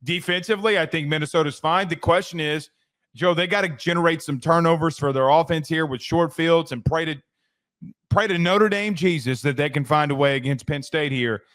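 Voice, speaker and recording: A man's voice: a little high, a little fast, fairly bright tone. A man co-hosting a casual sports podcast, talking picks with frequent stammered restarts and turning to his partner by name. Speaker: podcast co-host.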